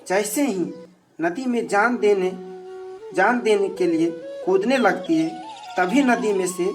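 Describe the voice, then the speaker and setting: Slow devotional storyteller. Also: medium pitch. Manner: slow, plain retelling. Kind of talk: devotional folk story narration.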